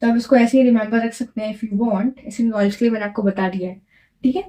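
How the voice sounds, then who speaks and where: A woman's voice: on the high side, fairly even intonation, fast talker, dark tone. A woman teaching French grammar, explaining step by step, repeating each key word and asking the learner to echo it back, and mixing English words into her Hindi. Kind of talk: classroom-style lesson explanation.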